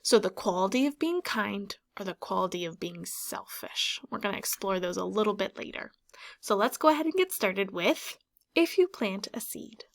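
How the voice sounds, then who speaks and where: A woman teacher gives an expressive, instructive read-aloud to young children, with a medium-pitched, creaky voice. She emphasizes key words and leaves pauses after her questions.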